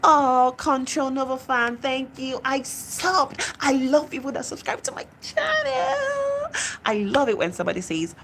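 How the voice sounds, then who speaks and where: Her voice is high and a bit bright, with big pitch swings and a measured pace, over slight background noise. This young Nigerian-accented woman is on a live stream, casually reading and responding to viewer comments, laughing frequently.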